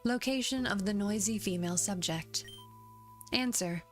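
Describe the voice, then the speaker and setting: A woman voicing a calm robot girl who speaks like a computer, in short, clipped, machine-like phrases while reading game dialogue aloud. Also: medium pitch, normal speed, soft background music, natural voice. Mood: monotone. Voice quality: flat, clipped machine-like delivery.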